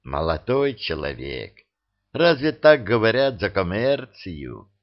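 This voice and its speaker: Smooth wheedling merchant, voiced by a man, slow lilting delivery, lo-fi audiobook. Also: on the low side, sing-song, full character voice. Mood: persuasive. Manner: ingratiating, wheedling. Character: round beaming smooth-talking male haggler.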